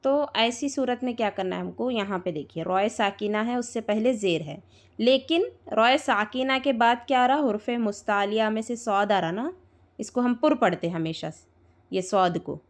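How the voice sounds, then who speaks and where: A woman teaching Quran recitation rules to students, patiently repeating points, spelling out letters slowly and checking often that they follow. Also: medium pitch. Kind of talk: live tajweed lesson to students.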